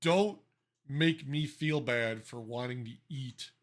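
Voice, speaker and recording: A man's voice: medium pitch, slow pace. A man co-hosting a casual podcast, ranting and swearing in exasperation, often restarting his sentences. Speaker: podcast co-host.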